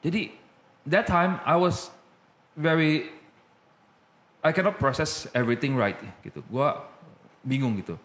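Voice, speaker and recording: A man casually telling his personal story as a guest, slipping English phrases into his talk and getting animated as he recounts. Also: a little high, slow pace, pauses often.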